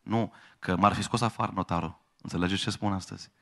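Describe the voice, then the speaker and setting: Bright-voiced preaching man. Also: low-pitched, fairly even intonation, gravelly. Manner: preaching with sudden loud raised passages and quoted voices. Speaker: pastor. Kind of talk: sermon.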